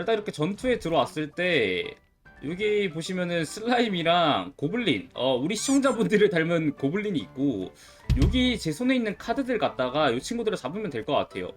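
A man doing casual, chatty let's play commentary, thinking aloud as he goes. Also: high-pitched. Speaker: YouTube game streamer.

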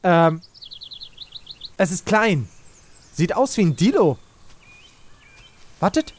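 Ein Mann, der aufgeregt ein Spiel kommentiert, in Panik ruft und fleht und viel Jugendslang benutzt. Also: male voice, sits high, takes it slowly. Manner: excitable, shouts and pleads in panic, youth slang. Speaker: let's play host. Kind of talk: excited gaming commentary.

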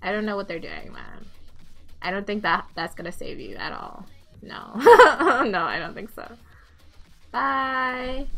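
A woman streaming a game live, excitable, laughing and swearing as she comments on each fight through her headset. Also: medium pitch. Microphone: headset with headphones.

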